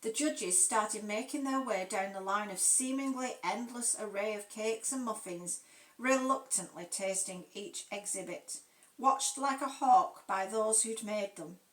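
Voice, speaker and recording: A woman author reading her own mystery novel aloud as steady audiobook narration. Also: mid-range voice, unhurried. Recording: echoey room, mic far off.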